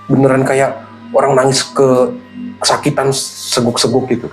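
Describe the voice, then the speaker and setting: A man's voice: mid-range voice, normal speed, faint music behind. A man, animatedly telling a true horror story in casual slang. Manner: animated, slangy, acts out voices. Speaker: guest storyteller.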